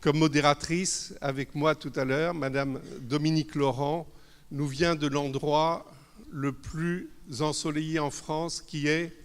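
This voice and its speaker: A man's voice: on the high side, fairly even intonation, a little slow, clean tone. A man hosting a conference, formally introducing the guest speakers. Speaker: conference host. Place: conference hall. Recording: reverberant hall.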